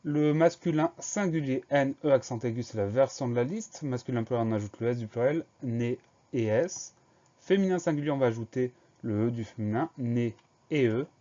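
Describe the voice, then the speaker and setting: In this lo-fi, somewhat muffled recording, a man with a dark, mellow, medium-pitched voice teaches dictation. He spells each word for the students slowly and carefully, one letter at a time.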